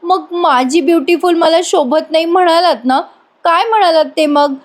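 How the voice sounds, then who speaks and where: A pouting young wife who sounds close to tears and keeps complaining, as a woman narrator puts her on. She speaks in a high, girlish register. It is a dramatized retelling of a TV serial scene. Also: normal speed, a little mellow, natural voice. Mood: sulky.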